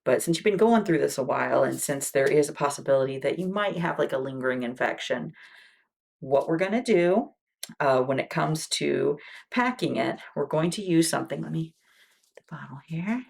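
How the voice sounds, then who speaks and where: In an ASMR roleplay, a woman with a low, husky, faintly gravelly voice acts as a wound care nurse, speaking softly and walking through every step with patience. She is expressive and talks at a normal speed, and between lines she often sinks into almost-whispered "okay"s.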